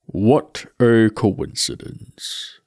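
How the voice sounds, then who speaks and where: A man voicing Death, a calm, courteous male skeleton, speaking slowly and gravely with a hollow, otherworldly tone. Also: lowish voice, dry recording, clean studio sound, exaggerated voice. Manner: slow, measured, grave delivery.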